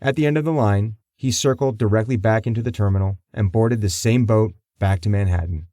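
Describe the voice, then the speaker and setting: A man reads a crime novel aloud in a low, steady voice. His pacing is measured and even, and the sound is close and dry with no room around it. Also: no room sound. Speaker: audiobook narrator. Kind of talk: scripted narration.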